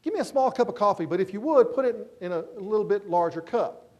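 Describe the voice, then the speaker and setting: A man's voice: high-pitched, expressive, brisk. A man voicing an irritated male traveling salesman who insists on his coffee order. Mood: explaining. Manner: exasperated, insistent.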